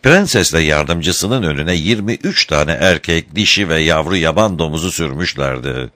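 Deep-voiced man reading an audiobook. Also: normal speed, no echo. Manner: expressive storytelling. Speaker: narrator. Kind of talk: scripted audiobook narration.

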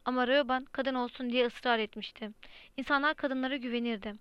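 A woman narrates a novel in a steady, even audiobook read. Her voice sits a little high and sounds smooth and crisp. The recording is dry and slightly muffled. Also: a little fast, no room sound.

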